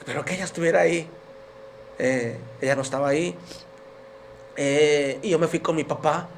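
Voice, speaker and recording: A man tells his faith testimony on a podcast in an earnest, emotional way. His voice sits a little high and has a gravelly edge. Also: steady tone, normal speed, a little hiss or hum.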